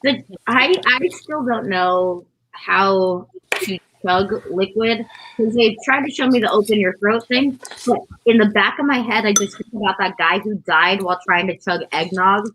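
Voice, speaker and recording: A woman's voice: medium pitch, measured pace, a bit bright, a little hiss or hum, rough recording. Chatty woman at an eating contest. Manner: chatty, anecdotal, peppered with "like". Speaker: competitive eater. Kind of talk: casual chat during an eating contest.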